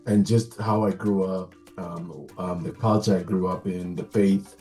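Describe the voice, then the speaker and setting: A low-pitched man with a Kenyan accent and a mellow, dark tone, speaking as an interview guest. He talks thoughtfully, with ums and restarts, and faint music plays in the background. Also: steady tone, a little slow. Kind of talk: conversational interview.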